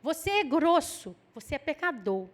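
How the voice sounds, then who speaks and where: High-voiced Brazilian woman preaching. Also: moderate pace. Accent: Brazilian Portuguese. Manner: lively, acts out excuses in mock voices. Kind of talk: sermon.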